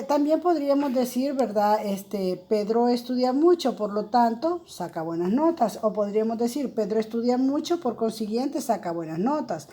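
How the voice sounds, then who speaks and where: A woman's voice: fairly high pitch, warm tone. A woman teacher explaining grammar in a recorded lesson, speaking in an explanatory way with many fillers and tag questions.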